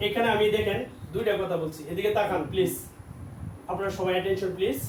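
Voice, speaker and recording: A man's voice: sits high, quick pace. A man teaching a classroom language lesson, drilling sounds and having the class repeat after him. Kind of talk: classroom lesson with call-and-response. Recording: echoey classroom from a distance with background noise.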